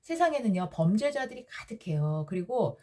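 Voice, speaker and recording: A woman with a husky, slightly breathy voice talks through a personal story in a relaxed monologue. Her pitch swings widely as she slips into other people's voices for quoted lines, then drops back to her own. She sounds middle-aged. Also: normal speed. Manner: animated, acts out quoted lines in shifting voices. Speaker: channel host.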